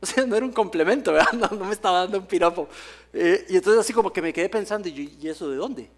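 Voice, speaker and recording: A man's voice: high-pitched, rapid-fire. A male pastor preaching a sermon in a church, telling stories with humor and acting out the voices he quotes. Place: church sanctuary.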